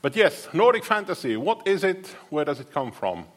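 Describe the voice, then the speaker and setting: A man's voice: a little high, very animated, moderate pace. A man moderating a panel discussion in a wry, self-mocking, joking way. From Finland.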